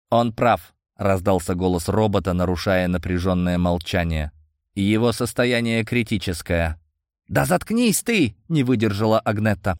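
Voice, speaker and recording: Low-voiced male audiobook narrator. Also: no room sound, clean studio sound.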